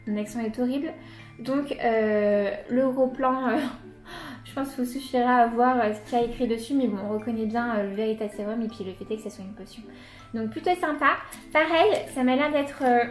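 A woman's voice: fairly high pitch, darkish tone. Chatty enthusiastic woman in echoey room. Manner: chatty and enthusiastic, many fillers. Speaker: unboxing vlogger. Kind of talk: casual unboxing chat. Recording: echoey room with light music.

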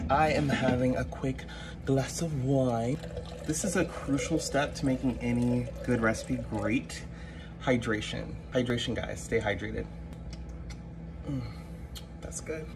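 A young man filming himself in his home kitchen on a phone held at arm's length, chatting playfully as he walks through a recipe. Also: a little hiss or hum. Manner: playful, chatty, lively pitch swings. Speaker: home cook sharing a recipe. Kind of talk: upbeat cooking video narration. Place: home kitchen and hallway, indoors. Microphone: phone camera held at arm's length. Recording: echoey home kitchen with faint ambience.

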